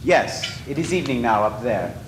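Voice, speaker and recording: A man playing a disfigured masked man, obsessive and possessive, in a stage play, swinging from soft pleading to shouting rage. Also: mid-range voice, animated, moderate pace, lightly acted. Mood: tender, intense. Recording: echoey stage from a distance, faint noise.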